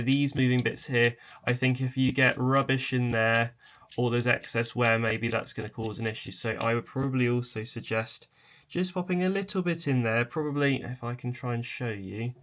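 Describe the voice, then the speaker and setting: Man, medium pitch, casual tutorial presenter, explanatory, slightly tentative, creaking chair. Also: fairly bright tone, a little hiss or hum. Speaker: video presenter.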